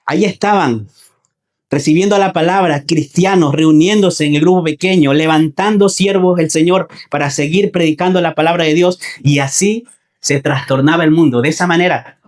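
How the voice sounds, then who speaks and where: A man's voice: fairly high pitch, moderate pace, a little mellow. Preacher man asking rhetorical questions. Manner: repeats phrases, asks the congregation rhetorical questions; addresses listeners as brothers. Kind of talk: Sunday sermon.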